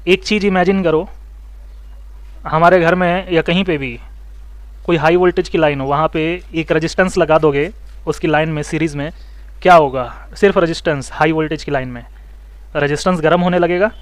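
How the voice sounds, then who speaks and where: A man teaching mobile phone repair, explaining circuits step by step, asking students questions and telling them to take notes, and talking fast. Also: on the high side, fairly even intonation, clean tone, dry recording. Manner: talks fast, says so himself. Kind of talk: online electronics lesson.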